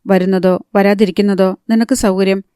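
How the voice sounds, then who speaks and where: Cold sulky young husband snapping short answers, read by a woman narrator, flat clear voice. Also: mid-range voice, moderate pace, no echo, clean studio sound, lightly acted. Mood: sullen. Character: young husband, sullen and curt.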